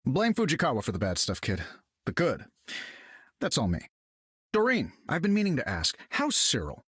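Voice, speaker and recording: A man's voice: medium pitch, huge pitch swings, moderate pace, fairly bright tone, breathy edge, dry recording, clean studio sound, full character voice. A man voicing a confident, wisecracking inventor superhero in a video game, wry and casual. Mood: breezy, confident. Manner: wry, casual, self-assured. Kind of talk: video game character acting.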